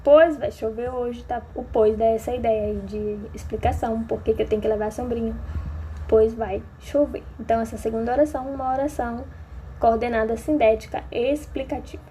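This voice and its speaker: A woman from Maranhão, Brazil, teaching in a patient, explanatory way, speaking straight to her students. Her voice sits fairly high and has a mellow tone. A faint hum runs underneath. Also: fairly even intonation, fairly quick, low-quality recording. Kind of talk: recorded grammar lesson.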